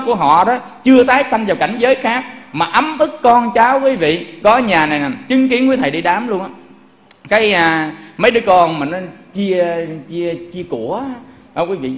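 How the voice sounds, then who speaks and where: A man giving a Buddhist sermon, often turning to the audience with rhetorical questions. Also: sits high. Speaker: Buddhist preacher. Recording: echoey room.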